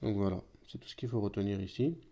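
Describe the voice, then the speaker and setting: A man's voice: fairly low pitch, quick pace, warm tone. A man, a native Arabic speaker, explaining an Arabic grammar lesson patiently, often checking in with "d'accord?". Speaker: Arabic teacher. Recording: dull lo-fi sound.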